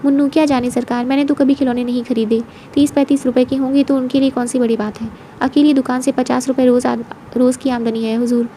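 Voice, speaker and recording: A woman voicing a flattering, talkative male servant who bows and scrapes to his mistress. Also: high voice, fast talker, a little hiss or hum, natural voice. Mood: fawning. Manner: obsequious, keeps addressing his mistress as huzoor.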